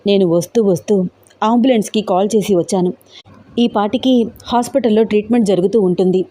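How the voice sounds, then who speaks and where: A woman's voice: mid-range voice, brisk, warm tone, lightly acted. A woman voicing a frightened but resolute young woman who explains herself earnestly in a storybook tale.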